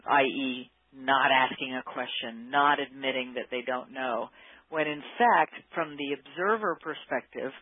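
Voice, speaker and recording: A man's voice: on the high side, no room sound. A man being interviewed as an expert, thoughtfully explaining his ideas and searching for the right words. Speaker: guest expert on workplace psychology. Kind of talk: conversational interview. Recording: phone-line audio.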